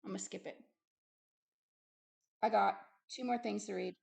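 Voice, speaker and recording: Reading a book aloud and breaking into passionate sermon-like commentary, a woman hosts a religious video with an insistent, emphatic style and brief repeated phrases. Her mid-range voice is gravelly and somewhat dark, steady in tone, at a normal speed.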